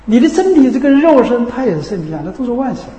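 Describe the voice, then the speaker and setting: High-voiced man giving a dharma talk in an echoey hall. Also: very animated, quick pace, warm tone, muffled recording. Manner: conversational, keeps checking with listeners by asking "you know?". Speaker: Buddhist teacher. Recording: echoey hall with long reverb.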